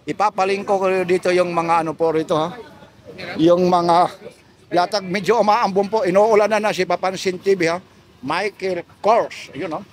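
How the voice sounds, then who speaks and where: A man vlogging at an outdoor street market in light rain, talking in a lively, chatty way with many tag questions while showing goods on a handheld phone camera. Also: high voice, fairly quick. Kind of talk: casual street vlog chat.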